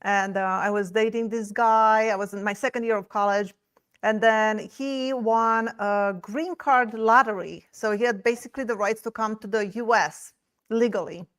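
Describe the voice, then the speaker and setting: A woman's voice: fairly high pitch, fairly even intonation, moderate pace, fairly bright tone, smooth. A woman from Romania, a guest on an interview show, telling her story in an open, chatty way. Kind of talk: casual interview.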